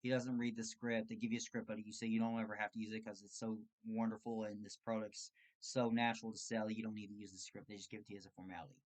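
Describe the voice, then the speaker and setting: A man hosting his channel, telling a story about a scam call in a sarcastic, animated way. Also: on the low side, fast, few pauses. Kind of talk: casual storytelling monologue.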